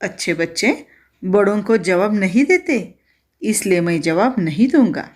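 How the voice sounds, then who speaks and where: A woman's voice: medium pitch, animated, a little slow, natural voice. A woman teacher voicing a naughty young boy who answers back innocently in a storybook reading. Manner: innocent, cheeky.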